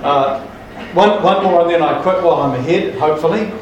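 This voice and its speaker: Man preacher, folksy and emphatic, higher pitch, distant mic in an echoey church hall. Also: brisk, dull audio, a little hiss or hum. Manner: folksy joke-telling with restarts, emphatic. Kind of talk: sermon with jokes.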